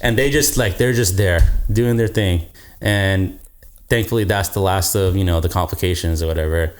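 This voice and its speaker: Blunt, profane low-voiced man. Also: moderate pace. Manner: blunt and profane, laughs through his story. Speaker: podcast host telling his story. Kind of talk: casual podcast chat.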